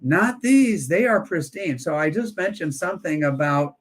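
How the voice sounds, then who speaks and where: A man's voice: sits high, lively intonation, moderate pace, slight background noise. A man hosting a live coin auction, chatting and joking while he counts down bids. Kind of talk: casual live-stream auction chat.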